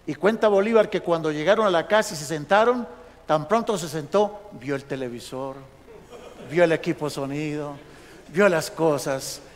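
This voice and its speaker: A male pastor telling a lively story in a sermon, acting out the dialogue of the people in it. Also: fairly high pitch, normal speed. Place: large church sanctuary. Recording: long church hall reverb.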